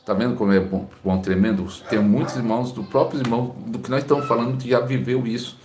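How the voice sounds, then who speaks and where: A man's voice: medium pitch, steady tone, fast, reverberant, background noise. A man with a Brazilian Portuguese accent, a pastor preaching live and reading viewer comments aloud while encouraging the people who wrote them.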